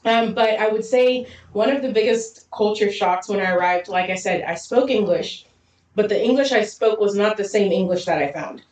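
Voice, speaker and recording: A woman from Zambia co-hosting a podcast, telling stories quickly and lively with frequent laughs. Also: mid-range voice. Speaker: podcast co-host. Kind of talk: casual chat. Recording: roomy echo, distant mic.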